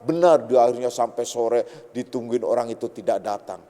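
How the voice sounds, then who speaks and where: A man's voice: medium pitch, normal speed, dark tone. A man giving a religious teaching in casual, storytelling speech, acting out the people in his stories. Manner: colloquial storytelling, acts out characters. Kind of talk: sermon. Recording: long hall reverb.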